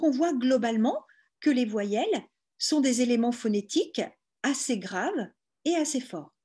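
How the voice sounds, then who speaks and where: A woman with a fairly high, husky voice teaches a lesson over a video call. She explains things patiently and step by step, dropping in little "hein" asides as she goes. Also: darkish tone. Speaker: lecturer on hearing. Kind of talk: explanatory online lecture.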